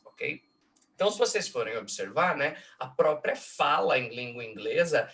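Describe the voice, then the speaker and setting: A man's voice: medium pitch, a bit bright. A man giving an online lecture, explaining step by step and checking in with frequent tag questions. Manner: slows down and stresses syllables when tapping out rhythms. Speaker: host and lecturer. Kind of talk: online lecture analyzing song lyrics. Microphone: computer mic in a live video call.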